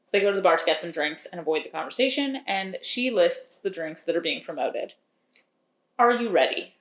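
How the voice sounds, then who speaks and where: A woman co-hosts a podcast and recaps a romance novel in a chatty, wry tone, laughing often. Her voice sits a little low. The room adds a noticeable echo. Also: expressive, a little fast. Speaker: podcast co-host recapping a book. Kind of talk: casual chat.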